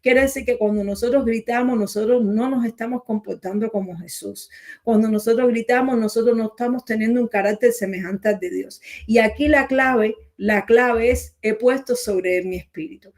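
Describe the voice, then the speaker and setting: A woman's voice: fairly high pitch, moderate pace, darkish tone. A woman teaching the Bible in a sermon, earnest and repeating her points, often calling the listener brother.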